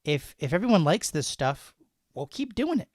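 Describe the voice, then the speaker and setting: A man's voice: a little high, very animated, normal speed, a little mellow, dry recording, clean studio sound. Laughing man hosting a podcast. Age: 30s. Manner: laughs often, reads slang definitions with jokey examples. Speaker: podcast host. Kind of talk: casual podcast chat.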